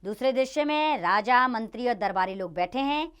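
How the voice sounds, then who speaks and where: Lively woman reading a play for children. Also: a little high, moderate pace. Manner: clear, explanatory. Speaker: teacher. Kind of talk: reading a play aloud for children, explaining words.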